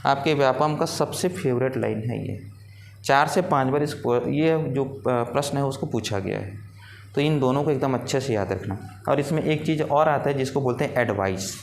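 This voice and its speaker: A man's voice: medium pitch, moderate pace, creaky, a little hiss or hum. A man teaching an English grammar lesson. He asks his students questions and answers them himself. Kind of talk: classroom-style grammar lesson.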